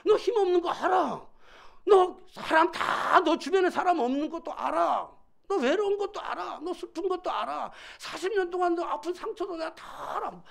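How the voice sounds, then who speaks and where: A preacher voicing God in a sermon as a calm speaker giving slow, gentle assurance. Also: mid-range voice, creaky. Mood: reassuring. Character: God, calm reassuring speaker to a weary servant.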